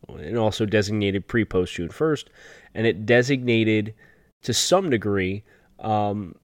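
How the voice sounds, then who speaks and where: Lowish-voiced male sports podcast host. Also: dry recording, clean studio sound. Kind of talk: sports analysis, answering listener questions.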